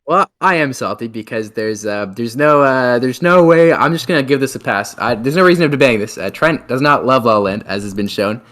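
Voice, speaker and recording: A young man hosts a casual podcast chat and talks through his choices out loud. He sounds unsure and keeps filling the gaps with "uh" and "like" as he restarts his sentences. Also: mid-range voice, a little fast, hardly any pauses. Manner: indecisive, thinks aloud with many fillers. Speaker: podcast host.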